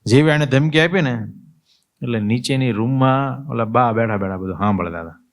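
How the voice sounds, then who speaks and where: A man of mid pitch giving a storytelling sermon as a monk. He talks in a loose, conversational way and keeps turning to the listeners with little questions. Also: normal speed. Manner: conversational, asks listeners "you see?" and "tell me". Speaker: monk preacher.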